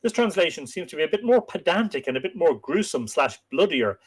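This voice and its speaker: A man's voice: a little high, sing-song, brisk, husky. Lilting Irish storyteller, a man hosting casually. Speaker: host and storyteller of a live myths show. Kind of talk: casual live-stream chat, reading out and answering viewer comments.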